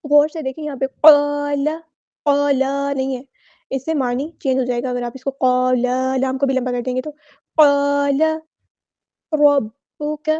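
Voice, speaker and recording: A woman with a Pakistani Urdu accent teaching Quran recitation rules word by word, chanting each word slowly, then explaining it briskly. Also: high-pitched, warm tone, no room sound, muffled recording. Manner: slow drawn-out recitation alternating with brisk explanation.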